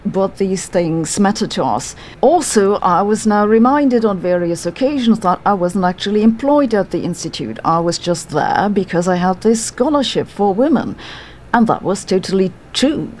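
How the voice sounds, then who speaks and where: Her voice mid-range and a little mellow, with lively intonation and a moderate pace, a middle-aged German-accented woman, a physicist, reads her personal story from a script in the first person. The tone is dry, sardonic, and matter-of-fact, with slight background noise.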